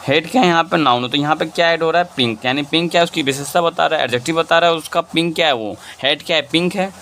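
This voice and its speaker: A man with a fairly bright, high-side voice teaches an English grammar lesson at a quick pace, explaining in Hindi and reading English examples in an Indian accent. He often asks questions and answers them himself. Slight background noise is audible.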